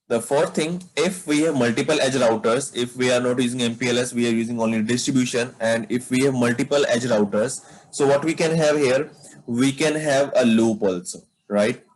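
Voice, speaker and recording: A man's voice: medium pitch, normal speed, rough recording. A man teaching a live online networking class, explaining step by step and checking in with students by asking "right?". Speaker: networking instructor.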